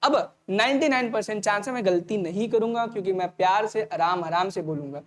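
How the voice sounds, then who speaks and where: A man teaching an online exam-prep lecture, talking fast and repeating each point as a question to the students before answering it himself. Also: sits high. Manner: casual, addresses students directly.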